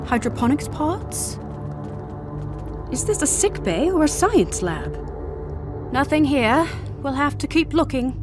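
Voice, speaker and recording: A woman playing a brisk, analytical crewmate in a science-fiction video game, speaking formally and precisely. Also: sits high, big pitch swings, full character voice. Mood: alert. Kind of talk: scripted video game dialogue. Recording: game music under dialogue.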